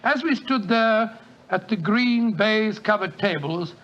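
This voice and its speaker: An actor playing a genial elderly doctor, Watson, telling a story in bluff, old-fashioned 1940s radio style. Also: male voice, high-pitched, expressive, measured pace, a bit bright. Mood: storytelling. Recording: dull lo-fi 1940s radio recording.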